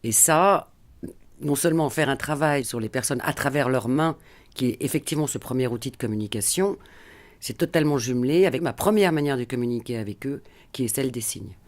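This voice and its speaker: A middle-aged woman photographer speaks in a reflective interview, thoughtful and pausing now and then to find her words. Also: very deep voice. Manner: thoughtful, pauses to search for words.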